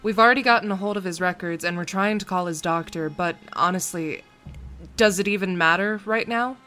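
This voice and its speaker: Actress as bright, sardonic Lieutenant Essen. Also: female voice, fairly low pitch, a little fast, soft background music. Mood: wry, brisk. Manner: sardonic, assertive. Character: wry, no-nonsense female police lieutenant. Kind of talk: audio drama acting.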